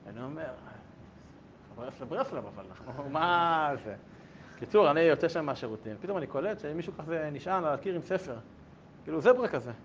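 A man who is a rabbi, giving a Torah lesson in a yeshiva in a lively, conversational way with humorous asides and questions to his students. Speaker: yeshiva rabbi teaching a class. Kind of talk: Torah lesson with a told anecdote. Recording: dull lo-fi recording with faint rumble.

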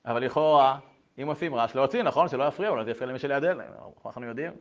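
A middle-aged man giving a lively Torah lesson, moving between reading old texts aloud and telling personal stories. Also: mid-range voice. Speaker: Torah lecturer. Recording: dull lo-fi recording.

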